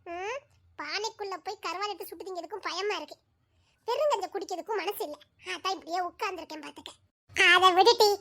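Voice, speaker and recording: A woman's voice: extremely high pitch, fast, a bit bright. A woman, playing two teasing girlfriends in a comedy skit with playful, melodramatic chatter. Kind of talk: village comedy skit dialogue.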